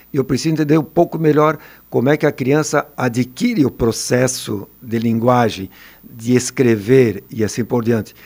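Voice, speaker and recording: An older man, a former teacher telling stories in a relaxed interview and often ending phrases with a tag question. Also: medium pitch. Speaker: retired teacher and education adviser. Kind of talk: casual interview storytelling.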